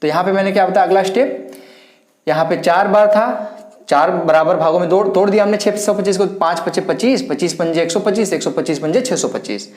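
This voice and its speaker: A man's voice: sits high, fairly quick, a little mellow. A man teaching a maths lesson, talking students through each step and counting aloud as he writes. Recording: roomy echo.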